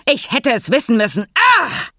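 A woman reading an audiobook, voicing a loud, choleric, heavyset male horse owner who blusters and growls. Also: on the low side, unhurried, no echo, clean studio sound. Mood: furious. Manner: explosive shouting, then dangerously calm.

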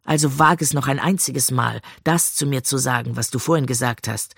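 Reader doing a cold, domineering young husband, pitched low and gravelly, dry close sound, slow menacing lecture. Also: fairly bright tone, dry recording. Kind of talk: audiobook reading.

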